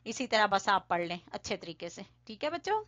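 A woman teacher with a Pakistani Urdu accent, slowly drawing out letter sounds for young children, then explaining quickly and checking in with "okay?". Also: medium pitch, big pitch swings, fairly bright tone. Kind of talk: recorded online lesson reading Arabic syllables aloud. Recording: dull lo-fi dry recording.

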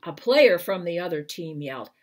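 The husky voice belongs to a woman in her sixties or older, pitched fairly low, reading her children's book aloud as an author at storytime. She addresses the camera from a small indoor living room, deliberate and expressive, with quick explanatory asides.

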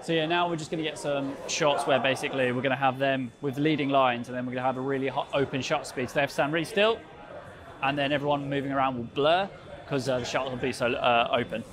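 Chatty young photographer on the street. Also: male voice, medium pitch, steady tone, fast. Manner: chatty, explains gear while shooting. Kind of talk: casual vlog commentary. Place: busy London streets and graffiti tunnel, outdoors. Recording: crowd noise behind.

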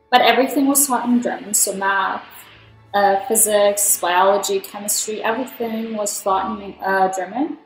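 A young woman from Turkey chatting casually while playing a cooking game, rambling with lots of fillers. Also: mid-range voice. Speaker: gaming vlogger. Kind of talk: casual gameplay commentary. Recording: roomy, music underneath.

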